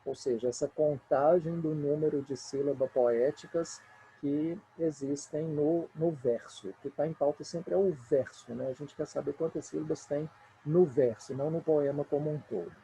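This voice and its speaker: Patient male teacher, mellow voice. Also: a little high, a little hiss or hum, rough recording. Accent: Brazilian Portuguese. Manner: patient, counts syllables aloud slowly. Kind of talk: recorded remote lesson on poetry.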